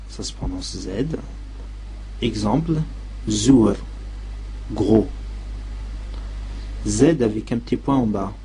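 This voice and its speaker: A man giving a slow, deliberate language lesson, saying each word and its meaning one by one. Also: fairly low pitch, low-quality recording. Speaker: language teacher. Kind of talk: slow dictated vocabulary lesson.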